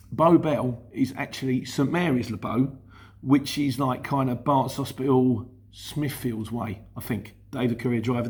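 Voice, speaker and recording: A man's voice: medium pitch, creaky. A middle-aged man from Luton with a Cockney-influenced London accent, chatting casually and rambling as he explains things in a vlog, often correcting himself. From Luton, England. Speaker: YouTube host and courier driver.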